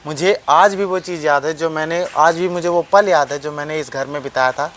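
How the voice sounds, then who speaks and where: An old mud house is the subject of this young man's casual vlog tour, shot on a phone camera as he talks directly to viewers, rambling and repeating phrases. He speaks fairly quickly in a fairly bright, higher-pitched voice.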